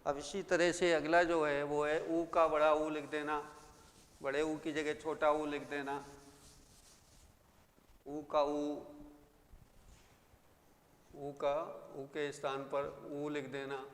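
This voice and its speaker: A male teacher giving a grammar lesson, who repeats each word slowly and asks his own questions and answers them. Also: on the high side, flat delivery, in a large hall.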